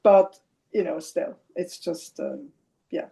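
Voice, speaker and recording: An older woman from Switzerland talks with a podcast host about her life. Her voice is mellow and dark-toned, and she pauses on fillers as she gathers her thoughts. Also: lowish voice, creaky. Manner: chatty, with hesitant fillers. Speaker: podcast guest. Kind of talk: casual interview chat.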